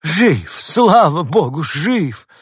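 A man's voice: a little high, expressive, slow pace, no echo, clean studio sound, voice pushed up. A man voicing a fussy middle-aged woman in a storybook reading, gushing and effusive.

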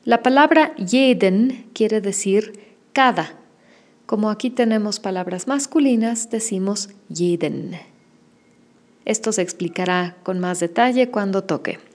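Slow, patient woman teaching German words. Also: medium pitch, a little mellow. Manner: patient, clearly enunciating drill prompts. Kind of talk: slow language lesson with repetition drills.

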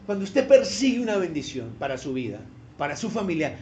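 A male pastor preaching a sermon, telling a story and acting out the voices, sometimes rising to shouted cries. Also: a little high, sing-song, brisk, reverberant.

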